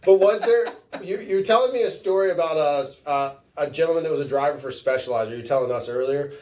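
A man's voice: fairly high pitch, fast, darkish tone. A man hosting a casual podcast, rambling and joking at his own expense. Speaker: podcast host. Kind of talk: casual chat. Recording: distant from the mic.

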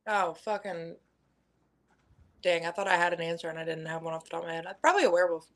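A woman's voice: lowish voice, fast talker. A woman with a standard American accent in casual, comedic podcast chat, blunt and sweary, peppering her sentences with "like". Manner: blunt, profane, heavy use of "like". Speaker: podcast guest.

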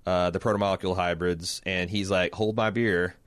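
A middle-aged man with a low voice chats casually on a podcast. He recaps a TV episode with animated energy, restarts his sentences, and swears freely. The sound is dry and close to the mic. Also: a little fast, clear, resonant tone, no echo. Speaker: podcast co-host.

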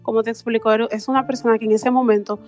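Woman in her thirties, higher voice. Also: flat delivery, a little mellow, faint music behind. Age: 30s. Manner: earnest, halting, with restarts. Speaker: interview guest. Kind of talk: personal testimony.

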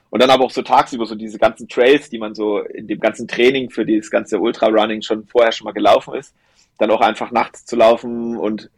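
A man's voice: mid-range voice, slightly rough, no echo. A young man, a guest on a podcast, telling a rambling, enthusiastic story about running, with lots of fillers and restarts. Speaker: podcast guest, ultra trail runner. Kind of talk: casual storytelling interview.

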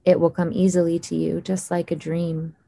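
A woman leading a guided hypnosis meditation in a slow, soothing voice with long pauses. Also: on the low side, level tone, gravelly, mellow.

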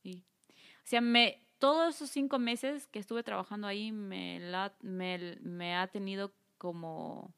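A woman's voice: medium pitch, measured pace, gravelly, smooth. A young woman from Guatemala, a podcast guest, casually telling a story and acting out the quoted dialogue. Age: young adult. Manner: animated, acts out quoted dialogue.

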